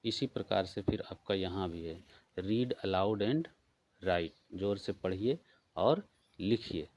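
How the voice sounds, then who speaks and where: Male tutor, Bihari Hindi accent, low voice, unhurried letter-by-letter spelling. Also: lively intonation, darkish tone, slight background noise. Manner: spells words out letter by letter, slow and patient. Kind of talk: workbook walkthrough lesson.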